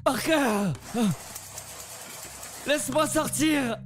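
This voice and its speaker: Man acting a very high-pitched, panicked trapped young man. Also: very slow, exaggerated voice. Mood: desperate. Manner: desperate pleading and yelling. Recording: loud music behind.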